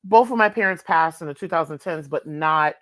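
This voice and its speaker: Female interview host, lowish voice, chatty, gropes for words. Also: brisk, a bit bright. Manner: conversational, searching for words. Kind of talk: casual interview.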